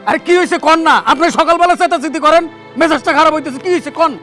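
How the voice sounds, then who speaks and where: A brash scornful younger son. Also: male voice, very high voice, fairly even intonation, bright, forceful tone, soft background music. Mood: irritated. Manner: mocking, aggressive, fast retorts.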